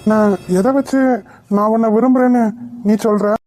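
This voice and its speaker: A woman's voice: a little high, fairly even intonation, moderate pace, warm tone, soft background music, close to an everyday voice. A woman voicing a playful, blunt young village man in a cartoon, with a brusque, teasing delivery. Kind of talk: cartoon voice acting.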